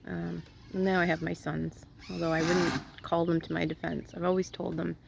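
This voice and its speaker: A middle-aged woman with a raspy, sore-throated voice, rambling through a casual story for her viewers with lots of fillers and laughter. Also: lowish voice, little pitch movement, normal speed, a little hiss or hum. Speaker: vlogger.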